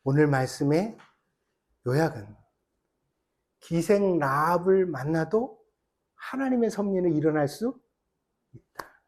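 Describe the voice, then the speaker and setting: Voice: mid-range voice, expressive, takes it slowly, long pauses, a little mellow. A pastor preaching a sermon with passionate exhortation, rhetorical questions and wry self-deprecating asides in a church.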